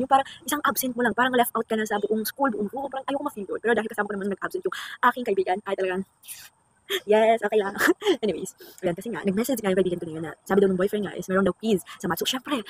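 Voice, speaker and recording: A woman vlogger rambling in a casual, self-reflective monologue, slipping English words into her talk. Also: on the high side. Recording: loud vehicle noise behind.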